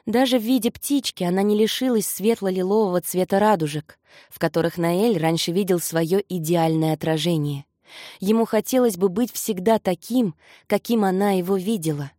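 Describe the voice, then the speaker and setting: A woman reading a fantasy novel aloud as an audiobook narrator, in measured, even storytelling. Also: mid-range voice, no echo, studio quality. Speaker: audiobook reader. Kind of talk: scripted narration.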